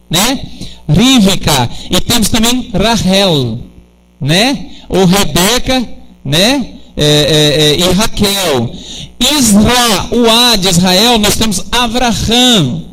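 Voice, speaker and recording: A man preaching a sermon, explaining scripture slowly with rhetorical questions. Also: high-pitched, a bit bright, low-quality recording. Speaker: rabbi preaching.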